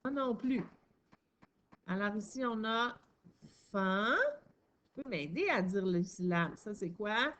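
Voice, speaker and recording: Slow, patient teacher woman. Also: mid-range voice, animated, fairly bright tone, slight background noise. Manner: patient, slow and encouraging, stresses sounds and syllables. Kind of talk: reading lesson for a young child.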